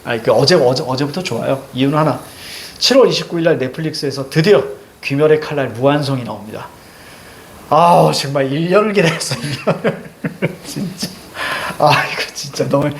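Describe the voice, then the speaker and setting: With a fairly high-pitched voice, a man teaching literature gives his students a lively lecture, joking around and breaking into sudden loud outbursts.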